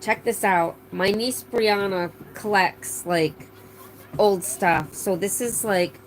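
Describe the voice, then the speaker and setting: Slow and mid-range, a middle-aged woman hosts a live stream, chatting casually and reading viewer comments with many fillers and restarts in a rambling manner. Laryngitis has left her voice slightly strained. The recording is rough, with slight background noise.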